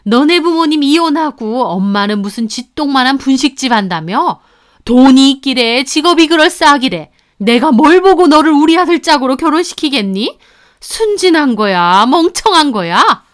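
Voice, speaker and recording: A woman's voice: high-pitched, normal speed, pitched above the performer's own voice, lightly acted. A woman voicing a scornful middle-aged rich mother who shrieks and belittles.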